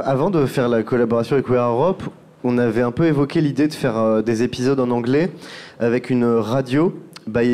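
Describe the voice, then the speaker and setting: A man's voice: medium pitch, a little mellow. A man who produces podcasts, talking through his work in a round-table discussion and often restarting his phrases.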